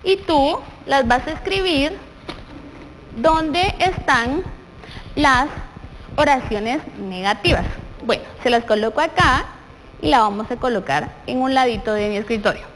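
A young woman with a Guatemalan Spanish accent teaches a televised primary school lesson, keeping up a stream of praise and answering her own questions. Her voice sits high and rings out in a space with a long reverb, and a faint hiss of noise runs underneath. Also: lively intonation, unhurried. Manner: encouraging, asks questions and answers them herself. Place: TV studio set with a desk.

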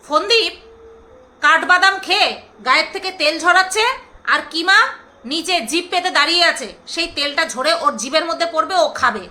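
A woman's voice: very high voice, fairly quick, bright, forceful tone. A middle-aged woman vlogger delivering an angry, sarcastic rant straight to camera, scolding and repeating her phrases for emphasis. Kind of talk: angry ranting monologue to camera.

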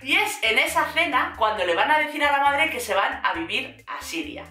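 Spanish woman from spain, gossipy show recap, sarcastic, bright voice, roomy echo, faint music. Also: high-pitched, moderate pace. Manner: sarcastic, animated, acts out quotes. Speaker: YouTuber recapping a reality show.

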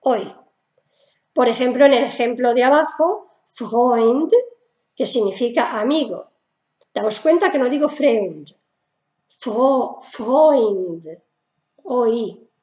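A woman's voice: on the high side, takes it slowly, long pauses, darkish tone, reverberant, dull audio. A woman with a Spanish accent from Spain teaching German pronunciation in a casual video lesson, patient and repeating each sound.

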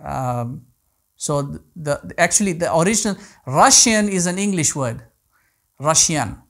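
Animated and unhurried, a man in his thirties whose native language is Kutchi teaches an online class and takes questions. His fairly high voice has a fairly bright tone, and he restarts and repeats words frequently. The sound is close-miked on a lapel mic in a small indoor room.

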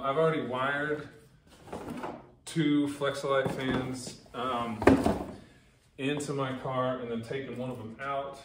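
A man in his thirties vlogging casually while unboxing car parts in his home garage, chatty and jokey, thinking out loud. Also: mid-range voice, far from the mic, very noisy. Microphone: camera mic from across the room. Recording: roomy garage echo from off-mic.

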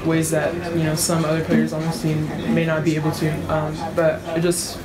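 A young woman answers reporters after a game in a small press room, speaking in an even, almost flat tone. Her words come out measured, with plenty of ums. Loud crowd chatter fills the room behind her. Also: low voice. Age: young adult. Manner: soft-spoken, measured, frequent ums. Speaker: college basketball player. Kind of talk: postgame press interview.

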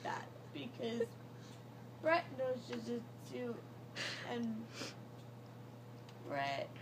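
A young woman, groggy from anesthesia, rambles in a high, creaky voice with big swoops in pitch. She drags her words out boastfully, lying in a recovery room, caught on a noisy phone. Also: big pitch swings, drawn-out words. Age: young adult. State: groggy from anesthesia after surgery. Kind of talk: casual rambling chat. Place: small hospital recovery room, lying in bed. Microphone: handheld phone a short way off. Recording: noisy handheld phone recording.

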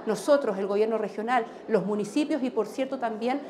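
A woman official in her thirties talks fluently in a high voice about community work, speaking in an official, measured register. She pauses now and then with small fillers. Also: crowd noise. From Chile. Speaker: regional government official. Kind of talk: news interview. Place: indoor exhibition room.

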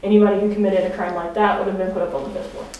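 A woman's voice: medium pitch, level tone, very fast, darkish tone, muffled recording. A woman giving casual, explanatory talk as a tour guide on a ghost-hunting vlog. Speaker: tour guide of a haunted building. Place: large bare rooms and corridors of an abandoned building at night. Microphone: camera mic from a distance. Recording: echoey, distant camera sound with faint noise.

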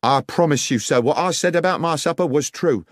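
A man's voice: a little high, a little fast, no echo, studio quality, voice pushed up, natural voice. A man voicing an anxious, deferential railway guard defending himself. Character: anxious working-class male railway guard.

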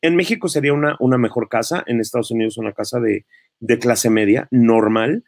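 A man's voice: mid-range voice, fairly quick, vocal fry, darkish tone, dry recording. A man talks through gossip in a casual, mocking way. His sarcastic asides come in a mid-range voice. The sound is dry and close. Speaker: gossip commentator.

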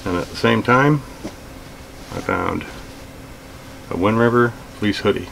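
A middle-aged man with a deep, gravelly voice talks slowly and easily to a camera across the table. His manner is plain-spoken and unhurried, with plenty of ums and uhs. A faint air conditioner hums in the small room. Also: slight background noise, rough recording. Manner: relaxed, plain-spoken, with frequent fillers. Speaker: outdoors vlogger. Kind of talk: casual gear talk to camera. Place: small indoor room with shelves of gear.

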